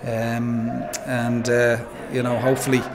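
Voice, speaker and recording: A man in his forties with an Irish accent, a football manager giving a measured post-match interview, full of "um" and "you know". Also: mid-range voice, completely flat delivery, noisy background. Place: pitchside interview backdrop, noisy. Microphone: handheld interviewer mic.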